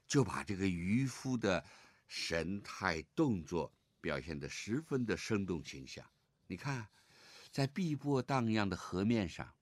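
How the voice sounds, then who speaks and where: A male teacher with a lowish voice leads a poetry reading lesson and tells its backstory. His intonation swings widely, and he draws each line of verse out slowly. The recording is dry and close, with no room sound. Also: no room sound. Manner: expressive, drawn-out recitation of verse; guides listeners to read along.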